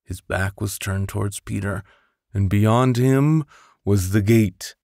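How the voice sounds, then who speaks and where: Slowly and with a creaky, slightly mellow, lowish voice, a man narrates a bedtime story close to a studio condenser mic, free of room sound. His telling is theatrical and expressive, featuring whispers and sound-effect voices.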